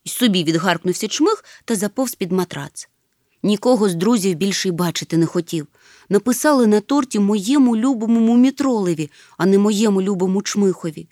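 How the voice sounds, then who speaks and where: A woman narrating a children's storybook in a lively, expressive way. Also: medium pitch, a little fast, no room sound, clean studio sound. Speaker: audiobook narrator. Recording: soft music under the reading.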